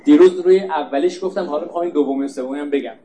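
A man with a notably high voice teaches from sacred verses in a lecture. He explains step by step, posing rhetorical questions and then answering them. At times he repeats a word softly for emphasis. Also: slight background noise. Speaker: preacher. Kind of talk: religious lecture on Quran verses.

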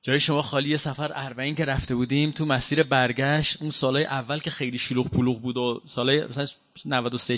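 A man's voice: a little high, pushed and bright. A man from Iran preaching a sermon, explaining Quran verses in a conversational way and asking the audience direct questions.

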